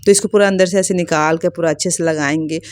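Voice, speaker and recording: A woman's voice: fairly low pitch, fairly even intonation, fast. A woman vlogger chatting casually and rambling with many fillers, recorded outdoors on a rooftop. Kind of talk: casual family vlog chat.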